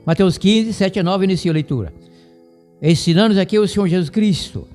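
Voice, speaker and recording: A high-voiced Brazilian man gives a Bible lesson over the radio, lecturing in a didactic, rambling way and repeating his points. His voice carries a long hall reverb, with faint music underneath. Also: a little fast, darkish tone. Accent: Brazilian Portuguese. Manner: didactic, digressive, repeats himself.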